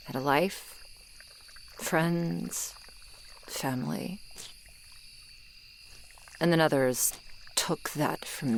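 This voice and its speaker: A woman fully voices a gruff tsundere swamp monster girl, once human and lonely, in an ASMR roleplay monologue to the listener, using a low, creaky, grudging voice. Her delivery is guarded, halting, close and intimate, over a night swamp ambience of insects, crickets and frogs with slight background noise.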